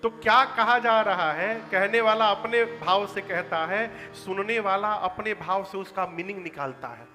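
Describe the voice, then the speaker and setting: Bright-voiced male katha preacher, echoey hall. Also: sits high, unhurried, few pauses. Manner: quizzes audience, chants verses. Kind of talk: devotional storytelling sermon. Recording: echoey hall, faint music.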